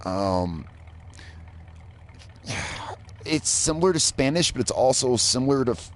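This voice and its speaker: Speaking in an animated but unhurried mid-range voice, an Indiana man streams a game, offering casual live commentary full of rambling and swearing.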